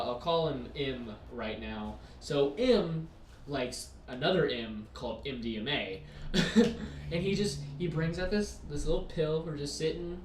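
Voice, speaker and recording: A young man hosting a casual podcast rant, rambling with many fillers. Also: a little high. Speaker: podcast host. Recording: echoey room, distant mic, faint noise.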